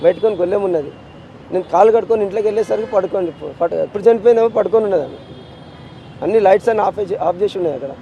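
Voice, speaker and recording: A distraught man with a Telangana Telugu accent talks quickly in a raised, high register, his voice dark and mellow. He repeats himself insistently and emotionally, pleading in a street interview. Faint street noise sits behind him. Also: dull audio. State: distraught with grief. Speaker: interviewee, grieving father.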